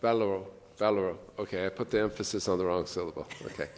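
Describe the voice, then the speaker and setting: Man from ontario, committee questioner, low voice, rambling, reverberant hall. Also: rapid-fire. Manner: rambling, conversational with many restarts. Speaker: committee member questioning presenters. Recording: long reverb in a hearing room.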